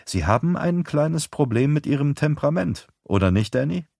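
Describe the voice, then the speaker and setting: A man reading an audiobook, voicing a sharp female police detective who asks pointed, needling questions. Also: a little high, sing-song, moderate pace, creaky, slightly rough, no room sound, clean studio sound, pitched above the performer's own voice, exaggerated voice. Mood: probing.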